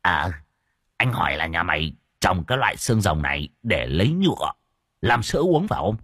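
A crude, sly old man, as a male narrator puts him on, blunt and coarse in every phrase. The voice sits low and husky, and it swings wide between mutters and shouts. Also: big pitch swings, brisk, no room sound, studio quality, full character voice.

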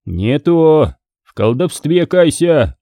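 A man's voice: a little high, sing-song, takes it slowly, dark tone, no echo, pitched above the performer's own voice, full character voice. A man voicing a stern old abbot who rebukes sharply.

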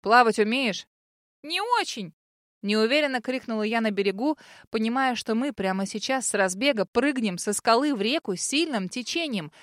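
Expressive woman reading a fantasy audiobook. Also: a little high, a little fast, dry recording, clean studio sound. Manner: lively, expressive storytelling. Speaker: audiobook narrator. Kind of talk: first-person fantasy audiobook narration.

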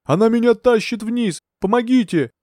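A man's voice: very high-pitched, normal speed, a little mellow, no echo, studio quality, voice pushed up. A man voicing a panicked, drowning middle-aged theatre director who chokes out cries for help in an audiobook. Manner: desperate choking cries for help. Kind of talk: audiobook character voice.

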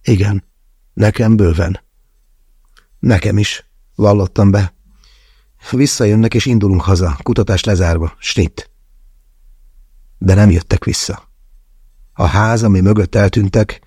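A man narrating a thriller audiobook in the first person with tense, measured delivery. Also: deep voice, mellow, slightly rough, dry recording, studio quality.

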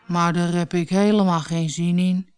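A woman's voice: on the low side, fairly even intonation, moderate pace, a little mellow, faint music behind, lightly acted. A woman voicing a lazy young man, the eldest son, who whines and grumbles in a storybook reading. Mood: whiny.

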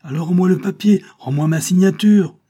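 A man's voice: mid-range voice, moderate pace, mellow, pitched above the performer's own voice, close to an everyday voice. A man voicing a scheming villainous count who demands and rages when cornered. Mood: furious. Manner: conciliating then furious, demanding.

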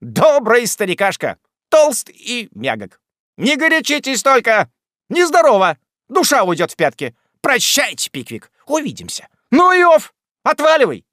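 A man's voice: high voice, sing-song, moderate pace, fairly bright tone, no echo, clean studio sound, pitched above the performer's own voice. A man voicing a sly, mocking male swindler who speaks in clipped, jeering bursts in a storybook reading.

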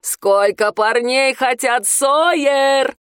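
A woman voicing a drunk, crude, boastful high-school heartthrob boy in a storybook reading, loud and drawn-out. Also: animated, no echo, clean studio sound.

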